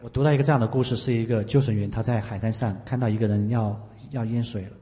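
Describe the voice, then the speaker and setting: A man interpreting a sermon live, talking quickly with frequent "ah" fillers. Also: fairly low pitch, steady tone, dark tone. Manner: rapid, with frequent "ah" fillers and restarts. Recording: echoey hall with long reverb.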